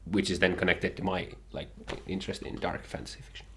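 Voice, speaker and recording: With a deep, pushed and bright voice, fairly even in intonation and fast, a Finnish guest in his twenties, Finnish his first language, chats casually about his favorite books. He's the host's partner, earnest and eager, with many "like" fillers and slight background noise.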